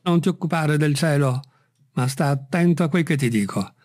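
A man voicing an excitable, feverish gentleman who gives urgent orders, in an audiobook reading. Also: fairly high pitch, moderate pace, lightly acted. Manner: agitated, urgent.

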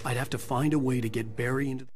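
A man's voice: medium pitch, fairly even intonation, fast talker, noisy background, natural voice. A man playing a grim, driven writer, narrating his ordeal in terse, hard-boiled lines for a video game. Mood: grim, weary.

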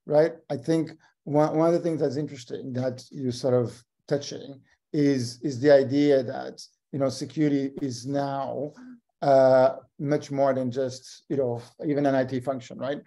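A man hosting an online conference session over a video call, speaking in a halting way and repeating words as he cuts in. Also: medium pitch, level tone, warm tone. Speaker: session host. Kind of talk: conference host chat.

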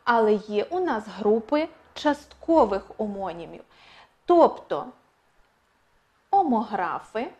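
A woman's voice: a little high, very animated, slow, pauses often, a little mellow. Emphatic woman teaching an online lesson. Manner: clear, emphatic, repeats key points. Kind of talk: online exam-prep lesson.

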